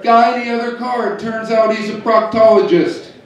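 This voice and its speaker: Stand-up comic from the Pittsburgh area, deadpan punchlines, higher voice, caught far off in a reverberant club. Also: male voice, normal speed, muffled recording. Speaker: stand-up comedian. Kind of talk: stand-up comedy set. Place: comedy club in a hotel. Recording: echoey club heard from far off.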